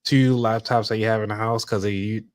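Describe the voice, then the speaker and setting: A man's voice: on the low side, fairly even intonation, a little fast, no room sound. A man hosting a casual podcast chat, joking around while giving practical money tips. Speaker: podcast host.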